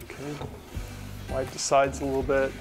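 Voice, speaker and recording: With music running under his voice, a man refinishing furniture talks through his work in an indoor workshop, brushing and wiping stain at a paint-spattered table. His casual how-to talk rambles and he fixes himself mid-sentence. Captured on a lapel mic, his mid-range voice is completely flat at a moderate pace.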